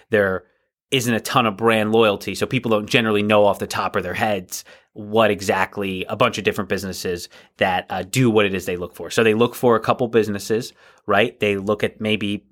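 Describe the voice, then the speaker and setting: A man co-hosting a casual business podcast, talking in a relaxed way and often checking in with "right?". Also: on the low side, fairly quick. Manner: relaxed, tags sentences with "right?". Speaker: podcast co-host.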